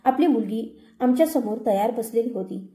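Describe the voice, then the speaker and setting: A woman's voice: a little high, lively intonation, moderate pace, mellow, echoey room, close to an everyday voice. A woman voicing a scheming older aunt who wails and accuses with false tears. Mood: accusing. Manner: wailing, accusing.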